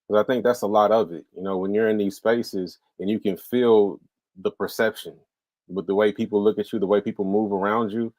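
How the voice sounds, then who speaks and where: Man, panelist, low voice, dry sound, reflective, hesitant. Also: no echo. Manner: agreeable, reflective, hesitant with fillers. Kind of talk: casual panel discussion.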